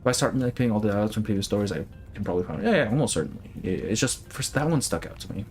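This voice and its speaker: A man's voice: fairly low pitch, animated, rapid-fire, a little mellow, faint music behind. A young man casually chatting and laughing through live gameplay commentary. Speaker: streamer.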